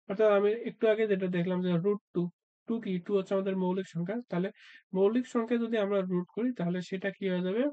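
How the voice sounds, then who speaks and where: A man tutoring math for job exams, talking fast in a flat, level voice. His tone is mellow and dark, with a dry, close sound. The recording is a little dull and lo-fi. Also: high-pitched, dry recording. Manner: asks and answers his own questions, frequent "uh" fillers. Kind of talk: exam-prep math lesson.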